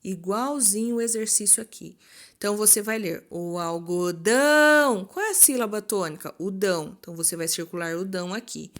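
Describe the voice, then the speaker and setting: A Brazilian woman teaching a recorded school lesson, slowly drawing out words to show their stressed syllable and playing her pupils' questions herself. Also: medium pitch. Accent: Brazilian Portuguese. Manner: voices imagined pupils' questions.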